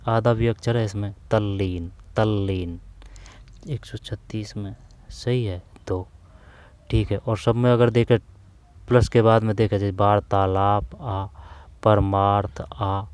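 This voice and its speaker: A man teaching an exam-prep grammar lesson, repeating terms slowly and often calling his viewers "brother". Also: fairly low pitch, warm tone, no echo. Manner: repetitive, drawn-out explaining, addresses viewers as bhai.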